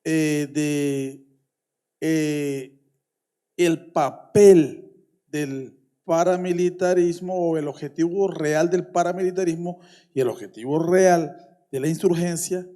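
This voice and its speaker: A man from the Colombian Caribbean coast asking a long question from the floor at a conference, halting and restarting often. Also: fairly high pitch, steady tone, mellow. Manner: halting, with many restarts and fillers. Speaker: audience member asking a question.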